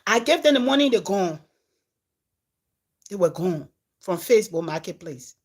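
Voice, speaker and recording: With a husky, medium-pitched voice at normal speed, a Liberian woman who does comedy and makes content shares a story with her followers. She keeps it casual and animated, going from loud to hushed.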